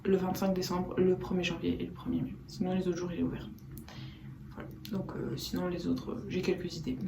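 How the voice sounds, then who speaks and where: A woman vlogger chatting casually to camera from her bedroom, soft-spoken and rambling, repeating herself. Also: lowish voice. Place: bedroom at home, indoors. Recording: echoey room with background noise.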